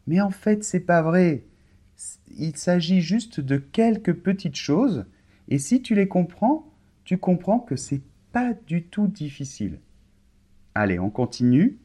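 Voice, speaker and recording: A man teaching a pronunciation lesson for learners, slow and deliberate, repeating words for them. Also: medium pitch, darkish tone. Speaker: French teacher.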